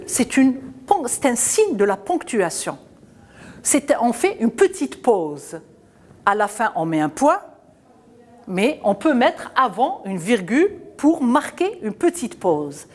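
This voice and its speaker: Patient teacher woman, lively pitch. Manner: patient, asks children questions; slow, spells out letters and sounds. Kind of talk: children's classroom lesson.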